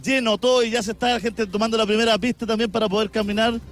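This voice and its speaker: Out on a busy avenue, a street reporter with a Chilean accent delivers a live field report, stopping passers-by with brief questions. His voice sits high and is fairly bright, and he talks fast with fairly even intonation in a conversational way.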